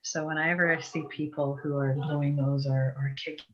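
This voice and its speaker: An Eastern European woman, a guest herbalist, talks briskly in a low voice with a level tone. Her informal, chatty delivery digresses and restarts often, and the online call sounds muffled.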